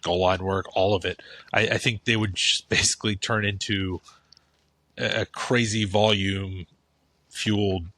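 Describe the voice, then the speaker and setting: A man's voice: on the low side, flat delivery, measured pace, bright, forceful tone, dry recording. A man co-hosting a podcast, giving casual fantasy football takes, often restarting with "I think". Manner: thoughtful, repeats "I think" and restarts. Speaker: podcast co-host.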